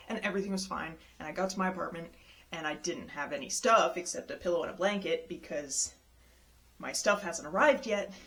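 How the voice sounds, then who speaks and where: Animated woman telling a story. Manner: animated, acts out quoted people with jumps in pitch; exasperated retelling of a travel mishap. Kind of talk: casual spoken storytelling.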